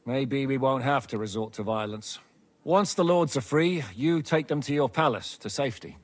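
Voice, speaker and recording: A man's voice: medium pitch, moderate pace, close to an everyday voice. A man voicing a rebel captain briefing his men in a game cutscene, commanding and decisive.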